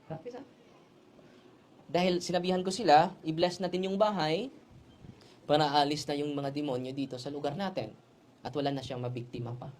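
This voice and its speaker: A male priest preaching a sermon who tells stories and keeps adding quick tag questions, switching languages as he goes. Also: a little high, darkish tone, a little hiss or hum. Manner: storytelling with frequent tag questions; mixes Tagalog, Cebuano and English.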